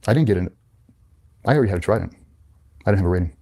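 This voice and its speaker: A man with a low, mellow voice rattles through his story at a quick clip. He sounds blunt and matter-of-fact, a former Navy SEAL recounting his past as an interview guest. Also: lively intonation. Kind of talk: casual storytelling.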